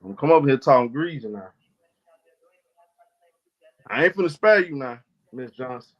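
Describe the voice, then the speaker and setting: A man's voice: mid-range voice, animated, normal speed, muffled recording. A man hosting a casual sports talk live stream, loose and argumentative, talking back to his chat in slang.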